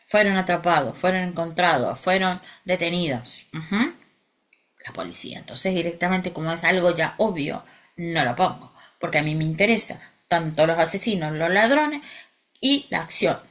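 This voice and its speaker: A woman's voice: fairly low pitch, normal speed, a bit bright. Woman teaching grammar, constant "¿sí?" checks. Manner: repetitive, checks with "¿sí?" and "ujú". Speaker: English teacher. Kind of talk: classroom grammar lesson.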